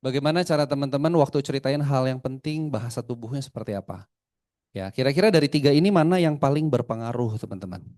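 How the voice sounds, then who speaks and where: A man giving a live sales training seminar, often asking the audience questions, mixing English terms into his talk and swinging his pitch and loudness widely. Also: lively intonation, fast.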